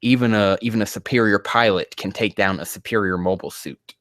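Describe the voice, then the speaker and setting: A lowish, somewhat bright voice and a fairly quick pace mark this host, heard in a studio-quality recording with no echo. He reads amateur fan fiction aloud and mocks it casually, rambling, swearing in exasperation and stumbling over the text.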